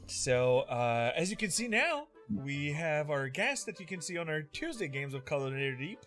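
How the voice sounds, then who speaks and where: A man, hosting a live tabletop game stream in casual chat, excitable and quick to laugh. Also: on the high side, soft background music. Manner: excitable, laughs often, thanks viewers. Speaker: game master and stream host.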